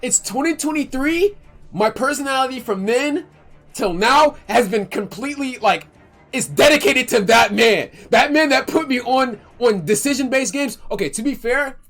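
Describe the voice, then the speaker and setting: A young man streaming, telling a story in a casual, animated and emotional way, full of slang and restarts. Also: very high voice, faint music behind. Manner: animated, emotional, talks fast with slang and self-interruptions.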